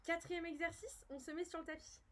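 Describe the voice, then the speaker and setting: A woman's voice: very high voice, steady tone, a little fast, slight background noise. A French woman leading a home workout as a fitness instructor, upbeat and encouraging, counting repetitions aloud.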